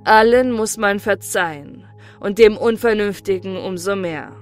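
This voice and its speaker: A woman voicing a pious, gentle old shoemaker in a storybook reading, her voice pitched lower and pleading. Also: unhurried, faint music behind, natural voice. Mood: earnest.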